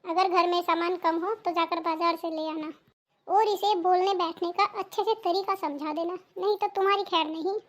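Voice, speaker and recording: A woman's voice: extremely high pitch, fairly even intonation, moderate pace, voice pushed down. A woman voicing an older mother-in-law in a cartoon, who can sound stern but is mostly affectionate toward her daughter-in-law. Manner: scolding, then affectionate.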